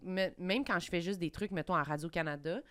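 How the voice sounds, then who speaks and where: Québécois woman host, bright sharp tone, opinionated casual chat. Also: lowish voice, brisk, clear, resonant tone. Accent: Québécois French. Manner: frank and opinionated. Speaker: podcast host.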